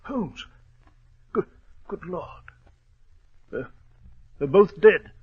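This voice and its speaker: An actor playing an earnest gentleman doctor and storyteller, precise and excitable, in 1940s radio style on a muffled recording. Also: high-pitched, very slow, slightly rough, full character voice. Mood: shocked.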